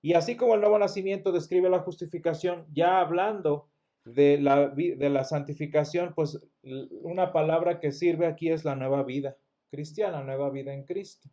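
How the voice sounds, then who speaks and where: A man's voice: a little high, fairly even intonation, normal speed, dark tone, muffled recording. A man teaching a Sunday school lesson, explaining patiently and asking the class rhetorical questions. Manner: restarts words often. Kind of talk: church Bible lesson.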